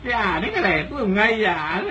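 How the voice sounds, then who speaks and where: Man pulling a prank, high voice that leaps around, keeps cracking up, noisy background. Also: lively intonation, rapid-fire, highs cut off. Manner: keeps breaking into laughter while repeating himself. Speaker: prankster asking a neighbor for a wifi password. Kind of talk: hidden-camera prank chat.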